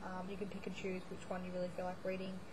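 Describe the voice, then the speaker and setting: Speaking fast and in a monotone, a woman with a fairly low voice chats her way through a monthly reading wrap-up, background noise audible behind her. She's a book blogger losing her voice, and her rambling is packed with fillers and false starts.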